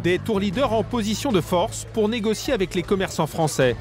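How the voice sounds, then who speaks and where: Lively high male documentary narrator. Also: brisk. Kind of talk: scripted voice-over narration. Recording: voice-over with music bed.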